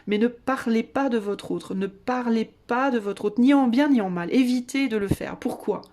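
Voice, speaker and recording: A woman's voice: on the high side, normal speed, a little mellow, slight background noise. A woman giving a casual tarot reading to her viewers, chatty and slangy, with many hesitations. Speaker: tarot reader.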